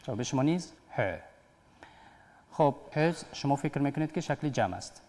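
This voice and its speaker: A man's voice: mid-range voice, animated, darkish tone. A man hosting a TV English lesson, patiently explaining grammar step by step. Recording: long hall reverb.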